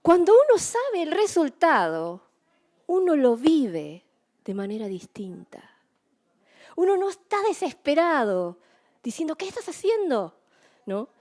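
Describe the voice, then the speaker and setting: Middle-aged woman preacher, lively, expressive storyteller who acts out her own outbursts. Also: sits high, a little slow. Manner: animated storytelling, acting out her own excited shouts. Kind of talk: sermon.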